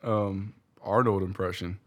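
A man's voice: deep voice, fairly even intonation, measured pace. A young man co-hosting a casual podcast, joking and stammering through his lines. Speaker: podcast co-host. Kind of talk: casual chat.

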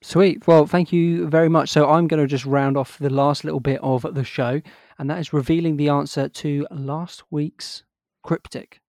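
A man's voice: fairly high pitch, steady tone, normal speed, darkish tone, dry recording, studio quality. A man co-hosting a podcast in a casual, rambling chat, gushing with enthusiasm. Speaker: podcast co-host.

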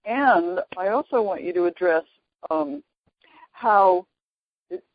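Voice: mid-range voice, expressive, slow pace. An interview host chatting casually, reacting effusively and asking eager questions, on dull lo-fi audio.

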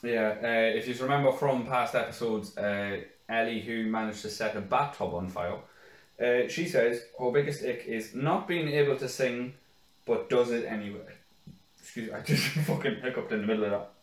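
A man co-hosting a casual podcast, telling animated stories with plenty of swearing and laughter. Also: mid-range voice, normal speed. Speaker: podcast co-host. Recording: echoey room.

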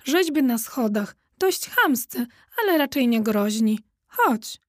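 Plain-spoken brave boy, read by a woman, matter-of-fact, reassuring, fairly high voice, dry close sound. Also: lively intonation, takes it slowly, no room sound. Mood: calm.

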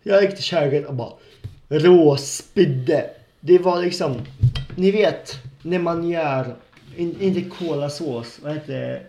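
A young man with a slightly raised voice tells a story on a podcast among friends, laughing often and dropping English slang into his talk. The sound is roomy, with a clear echo around him. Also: a little high, warm tone. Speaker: podcast co-host. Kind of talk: casual chat among friends.

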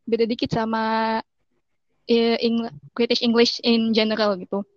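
A woman's voice: fairly high pitch, flat delivery, measured pace, no echo. A young woman in casual chat, often switching into English phrases while she explains. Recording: dull, slightly muffled audio.

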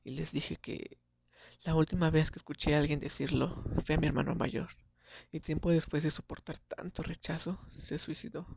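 A man's voice: fairly high pitch, little pitch movement, normal speed, creaky, background noise. A young man, narrating a first-person story in a somber, earnest, confessional tone. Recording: dull lo-fi recording.

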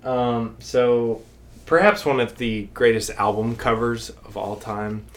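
A man's voice: medium pitch, steady tone, slow, a little hiss or hum. A man co-hosting a podcast in casual chat, rambling with lots of fillers and restarts. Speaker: podcast co-host.

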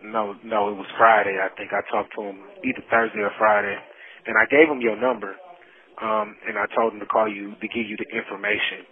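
A man with a lowish, fairly even voice talks briskly on a muffled, band-limited prison phone call. Incarcerated, he tells his sincere, faith-filled story in casual speech and keeps repeating himself to drive points home.

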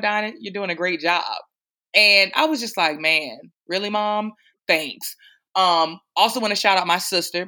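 This is a woman hosting a casual podcast, with a bright, forceful tone. She chats in a teasing, lively way and laughs often. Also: fairly low pitch. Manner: playful, teasing, animated with laughs. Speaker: podcast host. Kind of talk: casual chat.

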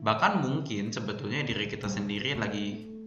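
A man chatting casually and informally as a solo podcast host, with a speech impediment that turns his r sounds soft, like w. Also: lowish voice, moderate pace. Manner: informal and chatty, breaks into chuckles. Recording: dull, roomy recording with music behind. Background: plucked guitar music.

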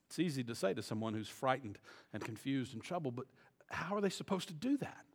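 Emphatic preacher swinging from hushed to loud. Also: male voice, mid-range voice, very animated, brisk, breathy edge. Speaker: pastor. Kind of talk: sermon.

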